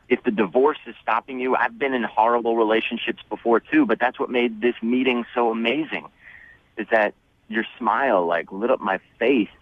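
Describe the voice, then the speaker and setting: A man's voice: medium pitch, normal speed, dry recording. Earnest male caller, nervous stammer, dull phone sound. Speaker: caller on a radio show. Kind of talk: phone call on morning radio.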